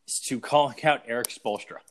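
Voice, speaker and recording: A young man co-hosting a casual podcast, telling things in an animated way, laughing and sometimes losing his train of thought. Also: mid-range voice, normal speed. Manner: animated storyteller, laughs and trails off mid-thought. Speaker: podcast co-host.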